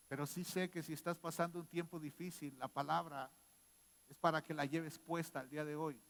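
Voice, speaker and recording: Man preaching in a reverberant church. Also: fairly high pitch. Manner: swings from quiet reading to loud shouting. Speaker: pastor. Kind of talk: sermon.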